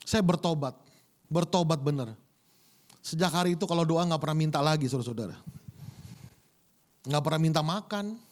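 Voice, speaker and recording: A man preaching a sermon in a lively, conversational way, joking, asking the congregation rhetorical questions and addressing them directly. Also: a little high, moderate pace, pauses often.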